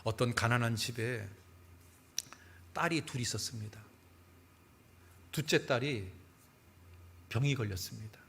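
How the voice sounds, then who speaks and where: A male pastor preaches to his congregation, telling stories with animated delivery and dramatic pauses. His voice sits at a middle pitch and has a slightly husky, breathy edge. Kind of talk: sermon storytelling.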